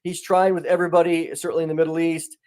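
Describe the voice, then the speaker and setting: A man giving conversational commentary as a guest, animated, with many restarts and rising emphasis. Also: a little high, quick pace.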